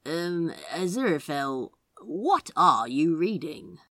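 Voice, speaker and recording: A woman's voice: deep voice, sing-song, slow pace, a bit bright, dry recording, clean studio sound, heavily acted. A woman voicing a sardonic male demon who drawls lazily and teases. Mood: teasing. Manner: lazy drawl, mocking.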